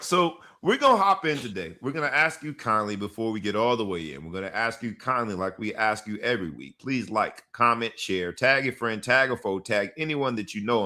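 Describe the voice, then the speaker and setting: A man's voice: on the low side, animated, normal speed, hardly any pauses, pushed and bright. A man hosting a sports talk podcast, hyping the intro with dramatic announcer-style delivery. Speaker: podcast host.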